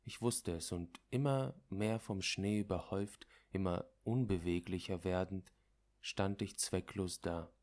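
A man reading a literary story aloud as narrator, in a measured, dramatic way. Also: low-pitched, a little mellow.

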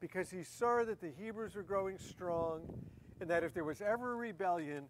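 A woman's voice: fairly low pitch, normal speed, slight background noise. A woman preaching a sermon in a conversational way, often repeating key phrases for emphasis.

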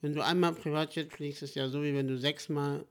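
A young man co-hosting a casual podcast, talking in an animated, jokey, rambling way. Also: a little high, brisk. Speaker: podcast co-host. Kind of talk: casual chat.

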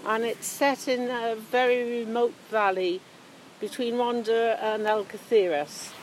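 A woman reads her own poem aloud at a slow, deliberate pace. She moves between her lines and occasional Spanish names and phrases. There is faint noise in the background. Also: a little high, fairly even intonation, rough recording. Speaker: amateur poet reading own poem. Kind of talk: introducing and reading own poetry aloud.

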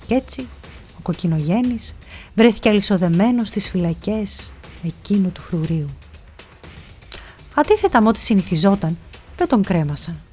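Woman reading a kids pirate story, expressive, goes whispery at the tense bits, faint music behind. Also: medium pitch. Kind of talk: storybook narration for children.

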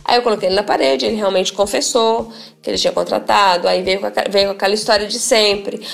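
Gravelly-voiced woman telling her story. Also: mid-range voice, fast talker. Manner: animated, many restarts and quoted dialogue. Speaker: interview guest, author. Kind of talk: casual interview storytelling.

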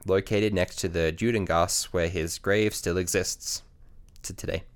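A man with a very low voice narrates history for a podcast in a relaxed chat. He pauses often, fills gaps with ums and corrects himself as he goes. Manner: relaxed, hesitant, many ums and restarts. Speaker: podcast co-host telling a history story. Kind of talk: casual storytelling chat.

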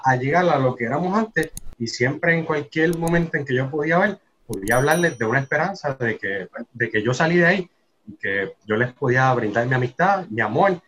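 A man's voice: medium pitch, a bit bright. Man, conversational testimony, earnest, keeps checking the listener follows; dull lo-fi recording with faint noise. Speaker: guest sharing a faith testimony. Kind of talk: personal testimony in casual conversation.

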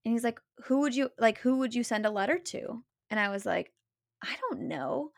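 A young woman, a podcast guest, retelling her story in a casual, animated way, acting out what others said, with many fillers. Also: a little high, brisk, no echo, clean studio sound. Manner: animated retelling with many likes and quoted voices.

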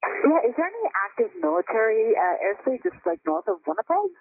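A man's voice: very high voice, big pitch swings, fairly quick, vocal fry. A male pilot calling air traffic control over a cockpit headset radio, speaking casually and a little hesitantly. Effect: cockpit radio transmission over headset. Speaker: airline pilot. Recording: tinny radio audio, archive clip.

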